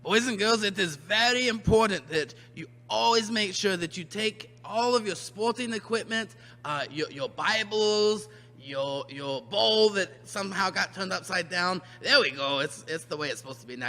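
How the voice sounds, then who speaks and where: High-voiced male kids' presenter in a reverberant hall. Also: expressive, measured pace, pushed and bright. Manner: mock-earnest, repetitive, emphatic instruction. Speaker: children's camp presenter. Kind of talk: comic rules announcement to children with props.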